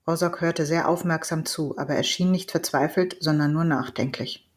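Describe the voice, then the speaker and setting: Narrator: woman, lowish pitch, measured audiobook storytelling. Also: steady tone. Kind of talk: audiobook reading.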